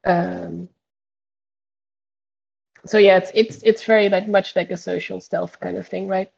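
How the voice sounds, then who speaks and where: Gravelly-voiced woman player, hesitant. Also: medium pitch, fairly even intonation, a little slow, a little mellow, lo-fi sound. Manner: hesitant, lots of fillers. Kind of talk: casual chat while playing.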